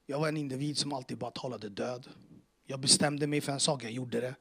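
A man's voice: medium pitch, fairly even intonation, gravelly, fairly bright tone, slightly rough. A man telling his faith testimony to a church audience, casual and earnest, with street slang and acted-out dialogue. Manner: emotional, earnest. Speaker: speaker giving a personal faith testimony.

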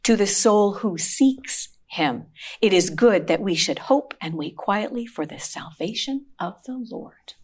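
Woman, Bible show co-host, mid-pitched voice, reflective, quotes verses, rhetorical questions. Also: animated, unhurried. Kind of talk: scripture discussion.

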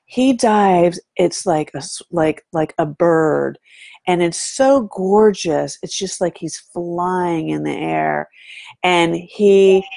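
Lively woman telling a story, gravelly low voice. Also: no echo, clean studio sound. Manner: animated, fond of saying "right?" to draw the listener in. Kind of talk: casual storytelling.

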